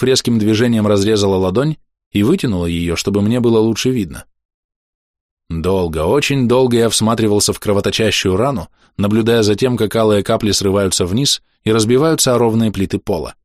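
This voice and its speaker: Low-voiced male audiobook narrator. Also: dry recording, studio quality. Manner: measured, steady storytelling. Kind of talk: scripted fantasy narration.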